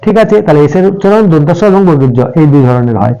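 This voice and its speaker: A man's voice: on the high side, lively intonation, very fast, mellow, lo-fi sound. A man teaching English pronunciation to children, patiently repeating and spelling out each example word. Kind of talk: step-by-step spoken lesson for children.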